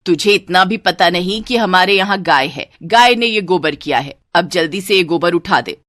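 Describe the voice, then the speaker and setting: A woman voicing a stern, scolding middle-aged mother-in-law in a cartoon story, slow and commanding. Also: fairly low pitch, animated, fairly bright tone, no echo.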